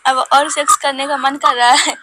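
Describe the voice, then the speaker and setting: Brief: woman, hushed worried phone talk, high bright voice. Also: little pitch movement, moderate pace, slight background noise. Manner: hushed and anxious, often dropping to a murmur. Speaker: nurse. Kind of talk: private phone conversation.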